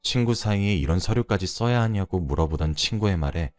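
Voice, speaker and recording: A man reading a first-person story aloud in a conversational, lively way. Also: low-pitched, a little fast, dry recording, clean studio sound, soft background music.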